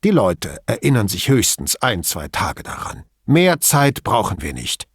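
A man's voice: lowish voice, huge pitch swings, unhurried, breathy edge, no room sound, clean studio sound, exaggerated voice. A man playing a pompous, indignant police chief. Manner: indignant, emphatic, complaining.

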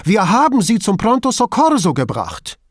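A male reader voicing a nervous young lawyer who protests in a high, agitated voice. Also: a little slow, a little mellow, no room sound, studio quality.

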